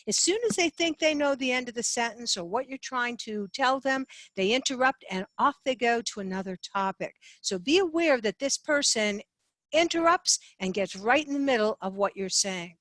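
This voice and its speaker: A woman with a fairly high voice presents a sales lesson from a slideshow. She talks in a lively, animated way and now and then swoops her voice up and down to show inflection. The sound is dry and close, from a computer mic. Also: normal speed, no room sound. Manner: lively, sings phrases up and down to demonstrate inflection. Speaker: sales trainer.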